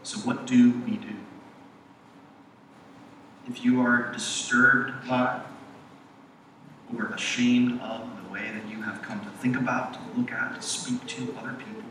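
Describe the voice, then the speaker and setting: A man preaching a sermon in measured, emphatic phrases with dramatic pauses. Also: medium pitch, fairly even intonation, sharp tone. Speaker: pastor. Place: large echoing church sanctuary. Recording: echoey hall, distant mic, background noise.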